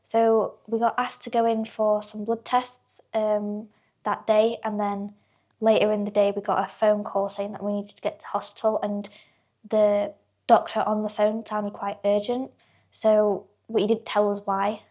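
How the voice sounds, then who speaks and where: With a warm, medium-pitched voice, this teenage girl delivers everything completely flat and at a measured pace. She's a chatty guest in a casual conversation, recounting stories, acting out quotes, and laughing a lot.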